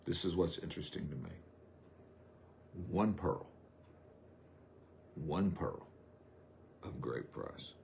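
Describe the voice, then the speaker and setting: A middle-aged man, preaching a folksy, rambling sermon on a live stream with drawn-out emphasis. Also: rumbling low, vocal fry, slight background noise.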